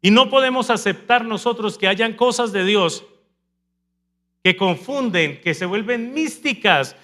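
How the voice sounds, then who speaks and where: A male pastor preaching a sermon, calling on the congregation to repeat after him and acting out scenes with lively mimicry. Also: sits high. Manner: preaches with call-and-response to the congregation; animated, mimics people speaking in tongues.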